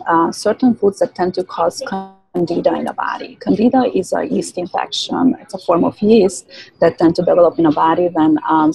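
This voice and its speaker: A woman's voice: on the low side, creaky, poor audio. A woman in her thirties with a Hungarian accent, a native Hungarian speaker, explaining earnestly and at length as a guest in a podcast interview, with frequent fillers. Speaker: guest, licensed esthetician.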